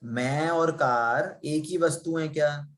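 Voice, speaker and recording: Slow-speaking male religion teacher. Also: fairly high pitch, poor audio. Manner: asks the class questions and explains with everyday examples. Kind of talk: interactive class lesson.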